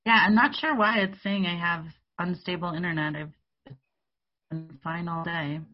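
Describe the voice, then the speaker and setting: A woman's voice: lowish voice, moderate pace, dull audio, soft background music. A woman checking in casually on a video call, her audio choppy and cutting in and out over an unstable connection. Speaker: coaching group member.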